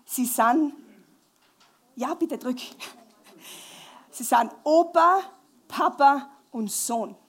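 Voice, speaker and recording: Woman preacher, high voice, lively live sermon with questions to the congregation. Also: extremely slow, pauses often. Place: church hall, live before a congregation.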